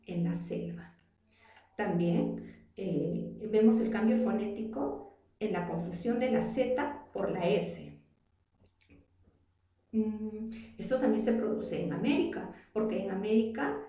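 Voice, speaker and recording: A teacher from Arequipa, Peru, speaking with a Peruvian accent in a mellow, medium-pitched voice, patiently explains a classroom lesson and poses rhetorical questions to her students. The room is very echoey and she is far from the mic.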